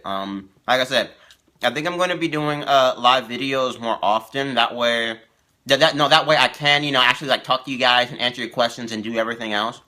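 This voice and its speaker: A young man hosts a casual live stream for his gaming channel, eating while he talks. His mid-range voice sounds pushed and bright, and he rambles with lots of fillers and repeats himself.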